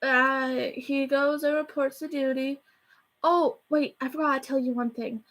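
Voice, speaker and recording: High-voiced chatty woman rambling fast. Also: fairly even intonation, a bit bright, rough recording. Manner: chatty, rushed, self-deprecating, rambling. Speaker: YouTuber reviewing a movie. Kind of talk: casual rambling review. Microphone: camera facing her.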